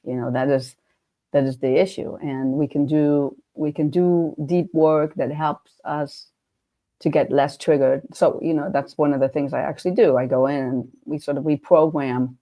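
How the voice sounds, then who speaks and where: A woman's voice: deep voice, fairly even intonation, moderate pace, mellow. A woman with a German accent hosting a casual interview, chatty and often restarting her sentences. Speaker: podcast host and coach.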